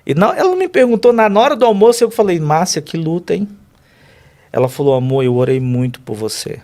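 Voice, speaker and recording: A man's voice: on the high side, very animated, fast, a little mellow. A man, a pastor, giving an earnest and emotional personal testimony in a conversational interview. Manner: earnest, emotional, speaks directly to host. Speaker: pastor, guest.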